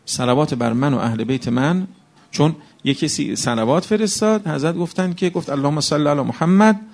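Impassioned preacher man, gravelly voice. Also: on the high side, darkish tone. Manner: impassioned, rhetorical questions. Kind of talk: religious sermon.

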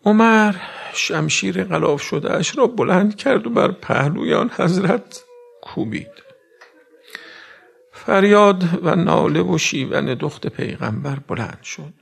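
A man preaching a mourning sermon, retelling events with dramatic swings from hushed whispers to loud cries and speaking directly to his listeners. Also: sits high, lively intonation, gravelly, breathy edge.

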